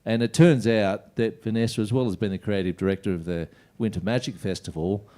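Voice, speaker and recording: An Australian man hosts a casual live chat show. His voice is mellow, dark and a little low. He talks informally, rambling and cutting into his own sentences as he goes. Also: a little fast. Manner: rambling, informal, self-interrupting. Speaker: host.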